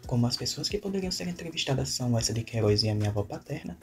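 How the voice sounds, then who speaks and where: A man's voice: mid-range voice, animated, racing, creaky. Man reading narration over music. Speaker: student presenter. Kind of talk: read-aloud narration.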